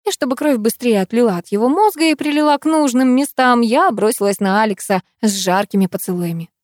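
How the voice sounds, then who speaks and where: A woman reading a first-person audiobook in an expressive, lively way. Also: on the high side, a little fast, dry recording, studio quality. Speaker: audiobook reader.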